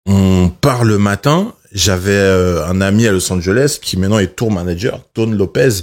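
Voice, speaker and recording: A middle-aged man from France with a lowish voice, chatting as a guest journalist. He spins lively anecdotes and slips into the voices of the people he quotes. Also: normal speed. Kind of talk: casual storytelling chat.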